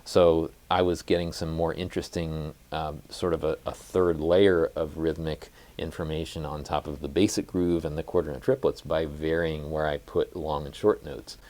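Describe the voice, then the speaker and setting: Very deep-voiced male guitar teacher. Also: little pitch movement, moderate pace, hardly any pauses, a little mellow. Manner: methodical, explains step by step and counts rhythms aloud. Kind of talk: instructional music lesson.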